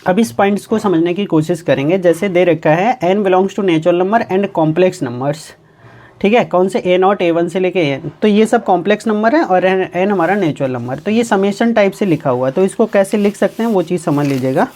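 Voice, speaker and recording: A man teaching mathematics in a recorded exam-prep lecture. He asks himself quick questions and answers them, repeats key points, and slows right down to read definitions word by word. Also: sits high, a little mellow. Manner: reads English definitions out slowly, word by word; repeats key points, often says "ठीक है".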